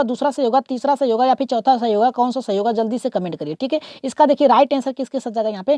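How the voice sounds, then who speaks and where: A woman's voice: fairly high pitch, mellow, no echo. A woman teaching an online exam-prep lesson, working through multiple-choice questions. She keeps asking rhetorical questions, repeats "okay" often and urges viewers to comment and subscribe.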